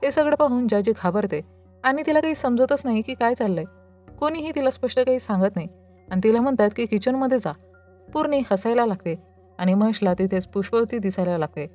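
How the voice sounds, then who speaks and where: A woman's voice: fairly high pitch, a little fast, dark tone. A woman narrating a series recap in a sympathetic, dramatic storytelling manner. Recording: dull lo-fi voice-over with music.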